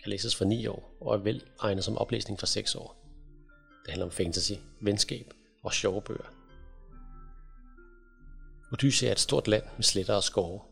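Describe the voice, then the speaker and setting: Low gravelly guy reading a fantasy audiobook, slow and dramatic, bit of music under it. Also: fairly bright tone. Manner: measured, dramatic storytelling. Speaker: audiobook narrator. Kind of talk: scripted fantasy narration.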